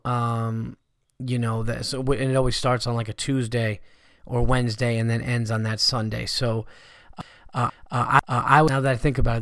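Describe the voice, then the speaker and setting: A man speaks in a medium-pitched voice with a congested, stuffy nose, recorded close and dry. He rambles conversationally like a stand-up comic alone on his podcast, loose and unpolished, with the odd curse thrown in. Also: no echo. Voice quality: congested, stuffy-nosed from allergies. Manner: rambling, conversational, swearing freely. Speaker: stand-up comedian hosting a podcast. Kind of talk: casual podcast monologue.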